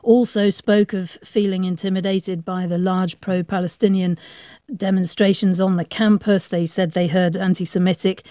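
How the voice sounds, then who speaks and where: A woman's voice: fairly low pitch, fairly even intonation, moderate pace, dark tone, no echo, studio quality. A woman interviewer asking probing, challenging questions in a broadcast news interview.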